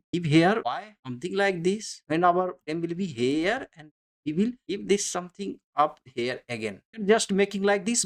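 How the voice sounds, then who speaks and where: Speaking at a medium pitch, this instructor narrates a software tutorial off the cuff. The step-by-step guidance comes out haltingly, with repeated words and phrasing typical of a non-native English speaker.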